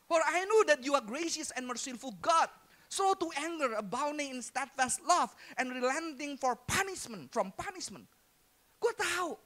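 A man preaching a sermon to his congregation, animated and joking, mixing in English phrases. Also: very high voice, normal speed. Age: adult, father. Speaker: pastor.

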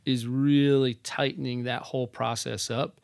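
A man guesting on a casual podcast, an animated storyteller who likes rhetorical questions. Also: medium pitch, a little slow, creaky, smooth, no echo, studio quality. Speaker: podcast guest, real estate agent.

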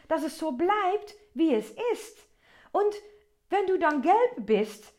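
Woman, podcast host, casual chat, high voice, very animated pitch, soft and unhurried. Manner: chatty, explains with everyday workplace examples; speaks softer and slower on purpose. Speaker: podcast host and workplace trainer. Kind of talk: casual solo podcast talk.

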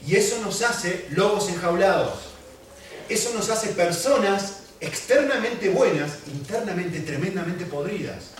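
Rioplatense pastor preaching in an echoey hall. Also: male voice, sits high, measured pace. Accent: Rioplatense Spanish. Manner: animated preaching, shifting between loud emphasis and soft asides. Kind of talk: sermon. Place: church hall. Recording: echoey hall from far off, faint noise.

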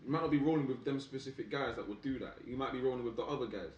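A young man speaks rapidly with a London roadman accent, hosting a casual slang-filled chat. His mid-pitched voice is animated and repetitive, recorded a little far from the mic in an echoey room. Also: dull audio. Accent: London roadman, urban street slang. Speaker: podcast host. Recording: roomy, distant, with faint noise.

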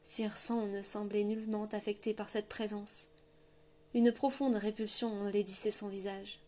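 A woman narrating a fantasy novel in a steady, measured storytelling voice. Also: medium pitch. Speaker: audiobook narrator. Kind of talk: scripted narration.

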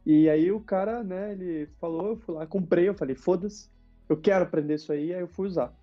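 A young man on a casual podcast, telling an animated, slangy story. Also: high-pitched, fairly quick. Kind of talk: casual chat. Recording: dull lo-fi with faint music.

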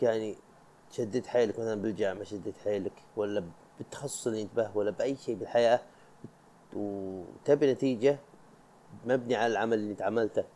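Fast-talking young man, mellow voice. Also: mid-range voice. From Saudi Arabia. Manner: chatty, rambling, self-interrupting, laughs often. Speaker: podcast host. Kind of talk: casual solo podcast monologue.

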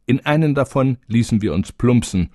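A man narrating a storybook tale in a calm, even manner. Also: mid-range voice, moderate pace, no echo, studio quality.

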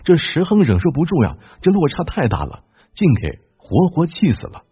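A man's voice: a little high, wildly swooping pitch, normal speed, slightly rough, dry recording, dull audio. A man telling a serialized historical story in a chatty way with wry asides.

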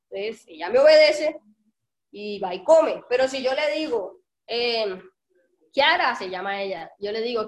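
Woman preacher, fairly high voice, leads prayer with fervent, commanding, repeated declarations. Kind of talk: sermon with guided prayer.

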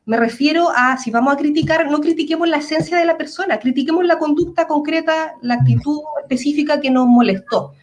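A woman's voice: sits high, brisk, few pauses. A woman with a Chilean accent, a psychologist explaining things earnestly in an interview, using everyday examples. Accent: Chilean Spanish.

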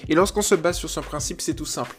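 A man's voice: fairly high pitch, quick pace. A man hosting a casual solo dog-training podcast, rambling, joking and correcting himself as he goes. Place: indoors, alone by a wall.

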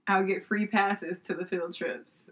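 A woman's voice: medium pitch, moderate pace. Woman telling a childhood story, laughing. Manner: animated storyteller who laughs and acts out quoted people; casual, with mild swearing and slang. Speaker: guest. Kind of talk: casual storytelling interview.

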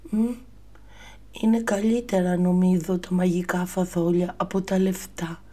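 A woman's voice: lowish voice, little pitch movement, dark tone, voice pushed up, close to an everyday voice. A woman voicing Jack, an eager and naive young boy, with a childish lisp.

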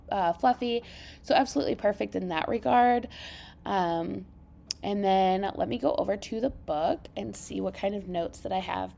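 A woman hosting a podcast, chatting casually and emphatically about books, with creaky vocal fry and congested sinuses. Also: medium pitch, warm tone. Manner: informal, emphatic, enthusiastic. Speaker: podcast host. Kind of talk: casual book review chat.

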